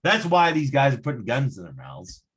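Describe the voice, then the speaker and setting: A man's voice: medium pitch, huge pitch swings, moderate pace, fairly bright tone, slightly rough. A man hosting a veterans' podcast, talking casually, swearing a lot, emphatic and heated. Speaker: podcast host. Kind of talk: casual profane chat.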